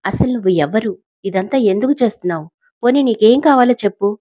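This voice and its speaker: A woman's voice: mid-range voice, fairly even intonation, fairly quick, a little mellow, dry recording, lightly acted. A woman voicing a proud, powerful matriarch who talks back angrily and arrogantly in an audio story, recorded with a dry, dull sound. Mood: tense. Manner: arrogant, angry, pleading. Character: proud powerful older woman, cornered and angry.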